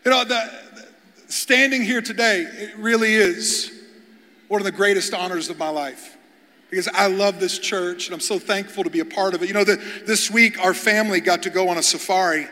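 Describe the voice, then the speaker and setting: A male guest pastor tells humorous stories from the pulpit, often stumbling over repeated words as he starts a sentence. His voice sits high and sounds bright and forceful. The large church hall gives it a long, ringing reverb. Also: steady tone, normal speed. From Kentucky, USA. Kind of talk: storytelling sermon.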